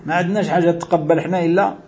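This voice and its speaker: A man's voice: fairly high pitch, fairly even intonation, racing, darkish tone, slight background noise. A man giving a religious lesson, explaining hadith in classical with colloquial asides and questions to his listeners. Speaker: Islamic scholar teaching hadith.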